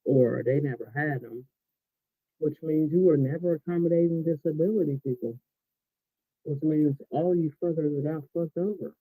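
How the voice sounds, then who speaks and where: A man with an American accent and a very dark, soft-edged voice rambles casually as he eats, his mouth full. He speaks colloquially and without a filter, letting thoughts trail off. The sound is close and dry. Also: a little high, no echo, rough recording. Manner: colloquial, unguarded, trailing off and losing the thread; talking with a mouth full while eating. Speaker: vlogger.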